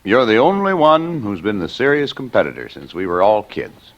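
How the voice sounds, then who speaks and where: Playing a genial father in a 1940s-50s radio play, this actor swings his fairly low voice widely in pitch, staying contented and teasing. He is measured and jocular with a mock-formal air, and sternly paternal when pestered. The audio is dull, with a little hiss or hum.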